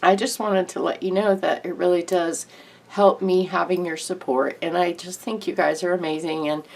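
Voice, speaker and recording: A woman's voice: fairly low pitch, steady tone, moderate pace, gravelly, darkish tone. A woman who makes craft videos, giving a candid, earnest and rambling personal update to her viewers in a nasal, congested voice. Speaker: YouTube crafter and artist.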